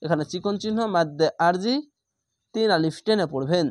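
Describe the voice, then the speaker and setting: A man's voice: on the high side, normal speed, dry recording, clean studio sound. A man teaching Quran reading, spelling out each letter and vowel mark and then blending the syllables, with patient explanations between drills. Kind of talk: slow spelled-out recitation lesson.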